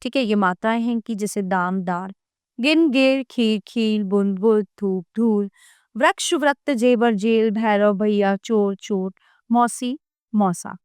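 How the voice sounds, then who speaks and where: Woman, teacher, grammar lesson for children, spells sounds slowly, smooth clear voice, dry close recording. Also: medium pitch, dry recording. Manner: addresses children warmly and directly.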